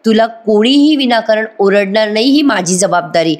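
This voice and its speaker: Trusting young husband, coaxing and soft-spoken, played by a female narrator. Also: medium pitch, expressive, normal speed, natural voice. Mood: soothing. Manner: soothing, coaxing. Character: gullible young husband, soothing.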